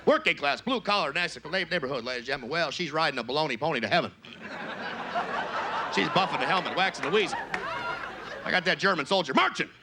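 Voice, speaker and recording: A man doing a stand-up comedy routine, jumping into loud high-pitched voices when he quotes people. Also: expressive, fast, pauses often, very noisy. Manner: shouts high falsetto quotes of other people.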